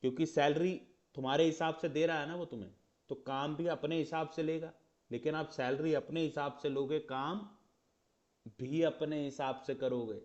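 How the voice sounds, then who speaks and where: A man's voice: a little high, steady tone, moderate pace, darkish tone, lo-fi sound. A man teaching an astrology class in a conversational way, asking rhetorical questions and acting out little exchanges. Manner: conversational, explains with rhetorical questions and mock dialogue. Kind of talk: lecture in Hindi with English terms.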